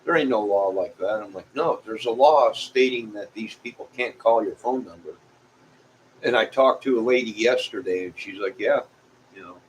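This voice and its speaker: A middle-aged or older man from Illinois, a vlogger, talks to viewers in a meandering, folksy, casual chat with his American Midwestern accent. His voice is lowish and his speed normal. The audio is poor, with clear background noise.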